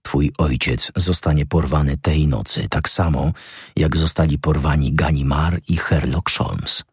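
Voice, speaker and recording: A man's voice: extremely low pitch, fairly even intonation, measured pace, husky, dry recording, clean studio sound, heavily acted. A man voicing a cold, commanding male master thief in an audiobook reading, speaking sternly and threateningly. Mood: menacing.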